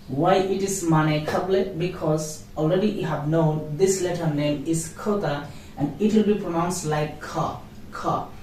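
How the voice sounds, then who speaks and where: A language teacher giving a pronunciation lesson, saying each word slowly and repeating it to contrast the wrong sound with the right one. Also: medium pitch, a little mellow, distant mic. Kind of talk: slow spoken pronunciation lesson. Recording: echoey room, voice off-mic, faint noise.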